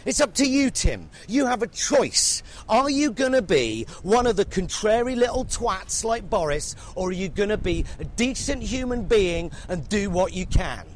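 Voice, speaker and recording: A furious, foul-mouthed English reporter, played by a man tears into his targets in a comedic rant. The voice sits high and strains with sarcasm, breaking into shouts. A faint hum of noise lies under it. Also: very animated, moderate pace, hardly any pauses. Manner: angry, sarcastic, swears heavily, shouts at times. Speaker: satirical reporter character.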